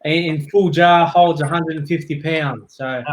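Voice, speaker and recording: An Australian man hosts a live chat and reads viewer comments with upbeat energy. His voice sits a little higher than most men's. He talks casually and is friendly. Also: fairly even intonation, unhurried, low-quality recording. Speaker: host. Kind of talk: live-stream hosting, reading comments.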